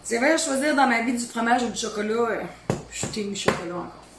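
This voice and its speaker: A chatty woman in her thirties with a Beauce Quebec French accent rambles as she cooks and talks with family off camera. Her voice sits a bit high. The kitchen sounds echoey, with steady noise behind her. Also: quick pace. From Quebec, Beauce region. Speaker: home cooking vlogger. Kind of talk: casual kitchen chat. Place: home kitchen.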